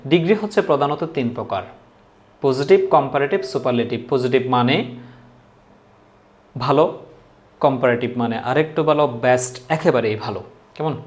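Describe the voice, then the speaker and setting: Guy teaching a grammar class, keeps repeating stuff and asking students questions. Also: mid-range voice. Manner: repetitive, drilling students with questions. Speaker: English teacher.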